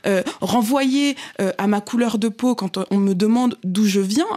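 A woman from Congo, a guest on a radio discussion, explaining her points in a measured way with many fillers. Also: medium pitch, mellow. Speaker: studio guest.

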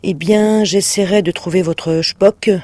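A man's voice: high voice, steady tone, unhurried, darkish tone, dry recording, voice pushed up. A man doing a flustered insurance agent. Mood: uneasy. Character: bewildered male insurance agent, polite but firm. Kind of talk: audiobook reading.

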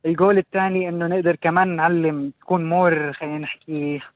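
Fast-talking man, Palestinian-Jordanian Levantine accent. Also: a little high, little pitch movement, dry recording, muffled recording. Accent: Palestinian-Jordanian Levantine Arabic. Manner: mixes English words into Arabic. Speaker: interview guest, craft project co-founder. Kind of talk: casual radio interview talk.

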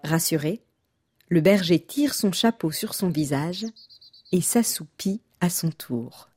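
A woman reading a children's storybook aloud in a gentle, calm way. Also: lowish voice, takes it slowly, slightly rough. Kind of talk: scripted storybook narration.

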